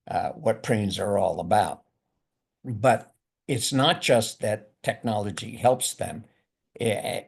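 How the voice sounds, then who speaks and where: An older man gives a university lecture with discussion in a loose, conversational way, often repeating words while he thinks. His voice is fairly low, creaky, and husky.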